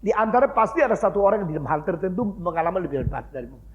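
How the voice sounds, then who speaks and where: A man lecturing in a lively storytelling style, mixing in English phrases as he teaches. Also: high-pitched, racing, dull audio. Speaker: pastor and lecturer. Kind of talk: university lecture. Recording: faint background noise, old lecture recording.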